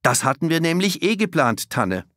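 A man's voice: on the high side, sing-song, normal speed, a bit bright, dry recording, studio quality, voice pushed up. A man voicing a thoughtful boy who talks like a police inspector in an audiobook. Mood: decisive. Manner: earnest, decisive.

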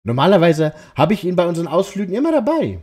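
A man's voice: high voice, huge pitch swings, fast, a little hiss or hum, pitched above the performer's own voice. A man putting on a shy young ghost-hunter woman. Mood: friendly. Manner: gentle softened feminine lilt. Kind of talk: reading game dialogue aloud.

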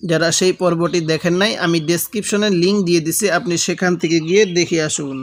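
High-voiced man teaching letter sounds. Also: steady tone, fast talker. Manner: drills letters aloud with repetition, asks viewers to repeat. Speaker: Quran reading teacher. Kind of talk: slow step-by-step recitation lesson.

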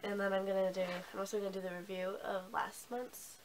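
A woman who is sick and hoarse, chatting casually about beauty products with lots of ums and restarts. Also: medium pitch, flat delivery, brisk, slight background noise. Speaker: beauty vlogger. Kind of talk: casual haul review.

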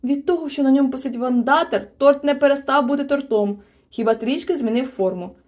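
A woman voicing a kind, fussing mother creature who talks gently and soothingly. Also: high-pitched, brisk, pitched above the performer's own voice.

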